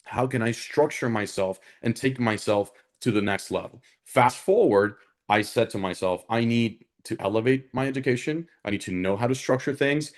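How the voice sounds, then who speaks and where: A man's voice: mid-range voice, normal speed, hardly any pauses. A man from Honduras, speaking as an alumnus guest on a panel in an earnest, conversational way that often checks in with the listener. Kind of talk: conversational career talk on a panel.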